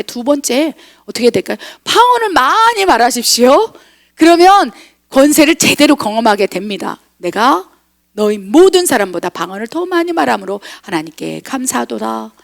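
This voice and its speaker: A woman missionary pastor preaching an impassioned sermon, rising to exclaimed scripture and dropping to quiet asides. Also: a little high, animated, a little fast, gravelly. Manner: calls herself tone-deaf.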